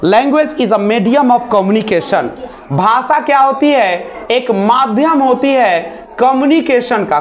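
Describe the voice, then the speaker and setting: A man with a very high voice teaches a basic spoken English class. During the lesson he demonstrates sounds aloud, blends English phrases into his speech, and asks rhetorical questions.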